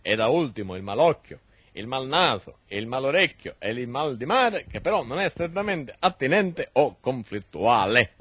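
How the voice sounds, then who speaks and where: An actor playing a gloomy, pompous male professor who delivers an absurdly muddled mock lecture in a radio comedy, with solemn, garbled learned diction and a husky voice. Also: medium pitch, very animated, normal speed, a bit bright, no echo. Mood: solemnly lecturing.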